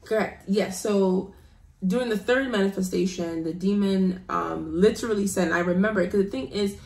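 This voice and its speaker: Speaking with vocal fry and a somewhat dark tone, a woman from the UK gives a heartfelt testimony as a guest, exhorting listeners in a preaching manner. Her voice is mid-range, her pace moderate, and the room echoes noticeably.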